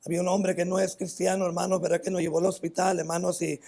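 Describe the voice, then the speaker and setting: A pastor with a northern Mexican accent preaches a sermon with personal testimony in church, his high, darkish voice showing little pitch movement and some vocal fry. He keeps calling the congregation "hermano" and restarts his phrases haltingly.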